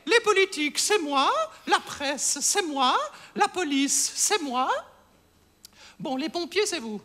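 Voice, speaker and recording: A man's voice: extremely high pitch, animated, takes it slowly, sharp tone, exaggerated voice. A man playing a fussy, scheming, overdramatic middle-aged landlady in a stage comedy sketch, simpering and stammering into melodramatic outbursts. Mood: smug, mocking.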